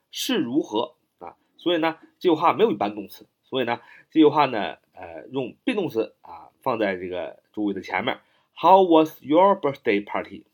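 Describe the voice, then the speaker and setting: Lively-voiced man teaching English grammar. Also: mid-range voice. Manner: repeats English sentences slowly, spells words letter by letter. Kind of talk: explaining English grammar in Chinese.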